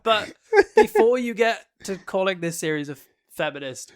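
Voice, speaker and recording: Man, fairly high voice, podcast co-host, casual chat, animated, joking, laughs a lot. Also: moderate pace.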